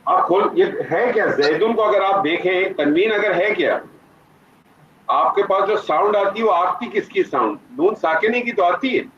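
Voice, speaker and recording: Male grammar teacher over a video call, high voice, echoey muffled audio, patient and probing. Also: animated, fairly bright tone, slight background noise. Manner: patient, questioning students by name. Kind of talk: online class teaching.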